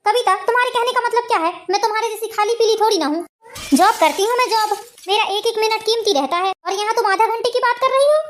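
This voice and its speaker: Haughty office-going elder daughter-in-law, sneering and bossy, squeaky high voice, a woman voicing her. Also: fast. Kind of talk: cartoon family drama voice acting.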